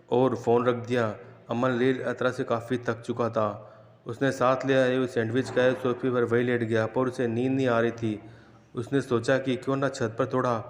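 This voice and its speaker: A man tells ghost stories in a measured, flat voice with a middle pitch. His words ring out in a roomy space with a long, hollow tail of reverb. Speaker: storyteller. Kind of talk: horror story narration. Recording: echoey room with long reverb.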